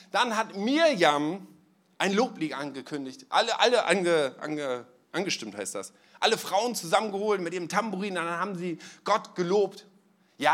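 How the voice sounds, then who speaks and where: A man with a notably high voice preaches a relaxed, storytelling sermon. He talks straight to his congregation in a church service. He keeps it casual, with easy fillers and everyday phrasing. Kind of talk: conversational sermon.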